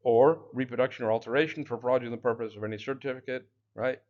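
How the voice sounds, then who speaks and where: A man's voice: medium pitch, steady tone, fast, darkish tone, lo-fi sound. A man teaching an exam-prep lecture in a loose, chatty way, full of fillers and asides. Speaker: drone exam instructor.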